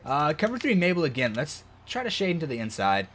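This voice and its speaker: Male gaming host, higher-pitched voice, casual and excitable football game commentary. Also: fast talker, slight background noise. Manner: excitable, loud outbursts over game plays.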